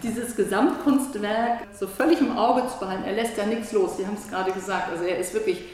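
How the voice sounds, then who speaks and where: Nachdenkliche Frau in hallendem Raum. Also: female voice, mid-range voice, fast talker, a little mellow. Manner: thoughtful, searching for words. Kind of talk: reflective conversation. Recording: echoey hall with faint noise.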